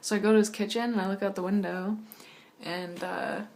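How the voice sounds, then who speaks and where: A woman in her early twenties casually recounts a dream in a hazy, halting, rambling way, with loose slangy phrasing. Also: mid-range voice, fairly even intonation, vocal fry, a little mellow. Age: early 20s. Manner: acts out quoted exchanges in casual slangy speech.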